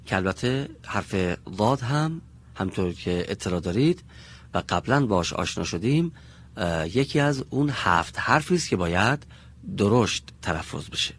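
Guy teaching a pronunciation class, kinda low and breathy, slow careful demo of every sound. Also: animated, a bit bright. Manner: patient, deliberate, demonstrates sounds slowly. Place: classroom with pupils.

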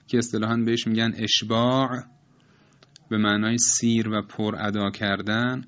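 A man calmly explaining Quran recitation rules step by step, reciting each example slowly and repeating it. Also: fairly low pitch, highs cut off.

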